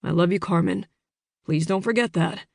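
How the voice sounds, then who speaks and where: A woman voicing a weary father speaking gently from jail in an audiobook. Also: on the low side, normal speed, creaky, dry recording, clean studio sound. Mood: gentle, resigned. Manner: gentle, turns stern.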